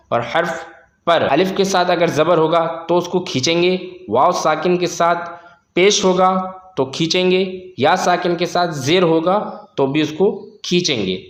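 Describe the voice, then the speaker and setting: A man's voice: a little high, roomy sound. A man teaching Quran reading, drawing out each syllable and repeating the sounds for learners. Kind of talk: slow, step-by-step recitation lesson.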